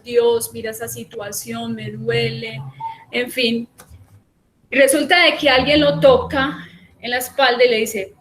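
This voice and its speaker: A woman's voice: on the high side, a bit bright, echoey room. A woman teaching a class on faith, retelling stories with quoted voices and often checking in with the listener.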